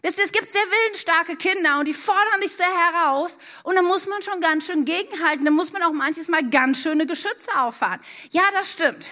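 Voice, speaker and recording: A woman's voice: very high-pitched, normal speed, hardly any pauses, bright, forceful tone. A middle-aged woman giving an earnest church talk on parenting, speaking straight to parents in a direct, heartfelt way.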